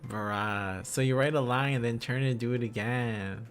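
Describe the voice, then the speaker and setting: A man hosts a livestream, chatting casually while learning Korean script, and his manner is enthusiastic, rambling, and giggly. His mid-range voice has fairly even intonation and moves at a normal speed, with a little hiss or hum in the background.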